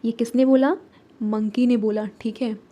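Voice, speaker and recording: A woman's voice: a little high, fairly even intonation, warm tone. A woman with an Indian accent who teaches a lesson, mixing Hindi and English, repeating herself and asking rhetorical questions. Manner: explains slowly and repeats, asks rhetorical questions. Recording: dull lo-fi recording.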